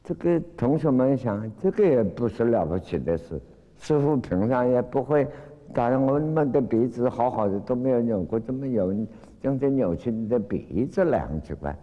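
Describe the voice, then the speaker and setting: A man teaching as a Buddhist lecturer, retelling a Zen story with lively acted-out cries and frequent drawn-out fillers. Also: medium pitch, dull audio. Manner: animated storytelling, acts out quoted cries. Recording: long hall reverb.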